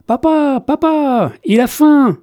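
A man reading aloud and voicing a curious, chatty little girl in a high child's voice, in a dry, close recording. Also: animated, slow, dark tone, no room sound, heavily acted. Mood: eager.

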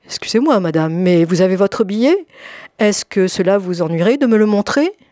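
A woman's voice: mid-range voice, expressive, normal speed, dark tone, no echo, studio quality, lightly acted. Woman putting on a cold, haughty charity lady. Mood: coldly polite. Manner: coldly polite, sharply questioning. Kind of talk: audiobook reading.

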